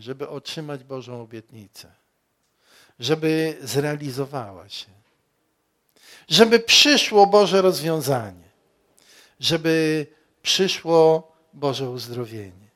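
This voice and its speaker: Slow, emphatic male preacher. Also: fairly high pitch, lively intonation. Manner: slow, emphatic preaching with rhetorical questions and sudden loud rises. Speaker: pastor. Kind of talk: sermon.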